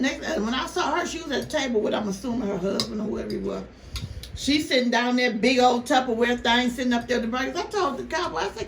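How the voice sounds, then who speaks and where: A woman vlogger telling a story casually to her viewers, animated and exasperated, with rhetorical questions. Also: high-pitched. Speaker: mukbang vlogger. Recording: roomy, noisy, distant microphone.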